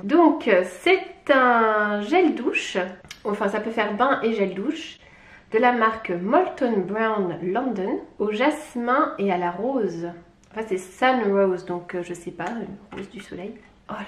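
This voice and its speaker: A woman from Lyon chatting casually through an unboxing, excitable and gushing, with little squeals and exclamations. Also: a little high. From Lyon, France. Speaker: beauty vlogger. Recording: echoey room.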